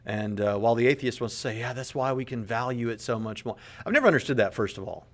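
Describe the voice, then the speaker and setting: Here a late-thirties man talks fast at a medium pitch, sounding animated. It's apologetics commentary on a podcast clip, delivered earnestly and conversationally, and he keeps repeating words as he reasons aloud.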